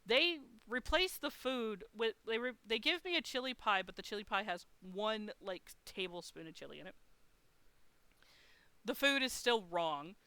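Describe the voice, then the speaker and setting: A woman on a livestream telling a personal story in an animated, casual way, swearing freely. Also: medium pitch, moderate pace, clean tone, no room sound. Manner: animated and profane, with frequent swearing. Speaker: artist streaming live.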